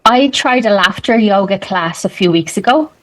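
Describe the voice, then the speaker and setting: A woman from Ireland co-hosting a casual spiritual podcast chat, a calm listener who often murmurs agreement. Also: mid-range voice, moderate pace, no echo, rough recording. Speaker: podcast co-host.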